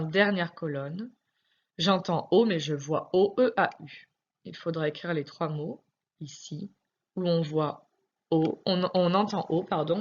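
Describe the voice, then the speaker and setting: A woman teacher giving a recorded reading lesson to young children, carefully spelling out letters one by one. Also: on the low side. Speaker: primary school teacher. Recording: dull lo-fi recording.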